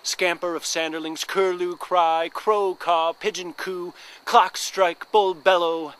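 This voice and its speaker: A man giving a theatrical recitation of a poem for voices in a slow, dramatic way, with sweeping rises in volume. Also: high-pitched, level tone, a bit bright, clean tone, poor audio. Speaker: performer.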